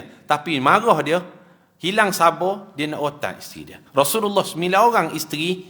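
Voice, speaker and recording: A man preaching with a Malaysian Malay accent, telling stories animatedly and acting out the dialogue. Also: mid-range voice. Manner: animated storytelling, acts out dialogue, chuckles. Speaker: religious teacher. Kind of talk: sermon. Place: prayer hall.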